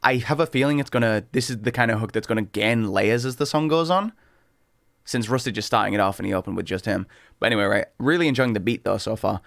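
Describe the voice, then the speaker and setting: Excitable man rambling over a song. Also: lowish voice, quick pace, gravelly, no room sound, clean studio sound. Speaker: reaction channel host. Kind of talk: casual music reaction commentary.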